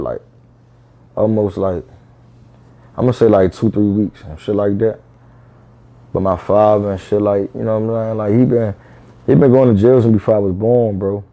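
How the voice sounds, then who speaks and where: A man's voice: fairly low pitch, dark tone. A man speaking candidly in an interview about his own life, in casual, profane street slang peppered with "bro" and "you know what I'm saying". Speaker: interview guest.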